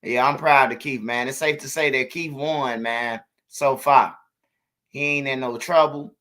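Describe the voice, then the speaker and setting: A man's voice: medium pitch, steady tone, measured pace, bright, forceful tone. A man giving blunt, casual commentary on street news, repeating himself for emphasis.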